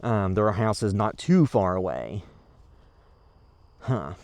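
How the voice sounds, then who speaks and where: A man's voice: fairly low pitch, big pitch swings, slow pace, vocal fry, darkish tone, no room sound, exaggerated voice. A man acting as a casual, skeptical amateur creature hunter in a found-footage horror film, muttering hesitantly to his camera. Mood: musing, wary. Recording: noisy location sound.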